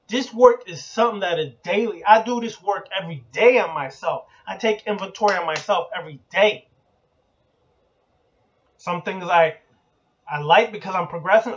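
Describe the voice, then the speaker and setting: A man's voice: high voice, a bit bright. A man hosting an occult channel, delivering a blunt, emphatic preaching monologue that repeats slogans and is occasionally profane. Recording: dull lo-fi recording.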